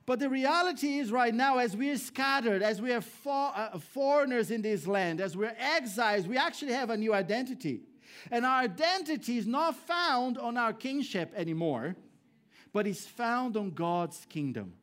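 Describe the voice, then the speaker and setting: A man from Brazil, a pastor preaching a sermon to a congregation, swinging between emphatic raised lines and low hushed ones. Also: expressive, normal speed. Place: church hall before a congregation.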